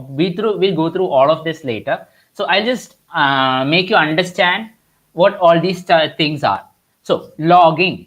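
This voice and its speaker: A man's voice: on the high side, a bit bright. A young man with an Indian accent teaching a live online workshop, explaining with many fillers and restarts over a computer mic. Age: young adult. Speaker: workshop instructor. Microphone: computer mic on a video call.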